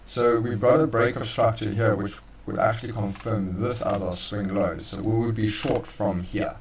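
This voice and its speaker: A man's voice: lowish voice, steady tone, moderate pace, slight background noise. A man co-hosting a live trading stream, casually walking listeners through chart analysis. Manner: casual, laid-back, calls listeners bro. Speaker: trading co-host. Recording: roomy, far from the mic.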